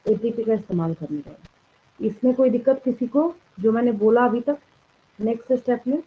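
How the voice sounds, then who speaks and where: A woman with a fairly high, husky voice teaches biology to a class. She poses each point as a question and answers it herself, checking often that the students follow. The sound is thin and phone-like. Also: fairly quick. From India. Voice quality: clears throat now and then. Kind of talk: classroom lecture in a live class.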